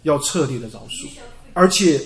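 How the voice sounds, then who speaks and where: Impassioned preacher with lively pitch. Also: normal speed, echoey room. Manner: impassioned, rhetorical questions to the congregation. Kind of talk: sermon.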